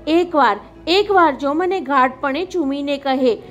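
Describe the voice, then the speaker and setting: A woman's voice: high voice, measured pace, a bit bright, muffled recording, soft background music. A woman narrator reading the lines of an anxious young wife who pleads for her husband's love. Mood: longing. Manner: pleading, fearful.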